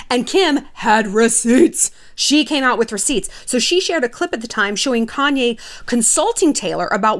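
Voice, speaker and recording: Hosting her own online video, a woman with a fairly high, fairly bright voice gossips casually to camera, sassy and irreverent, with some swearing.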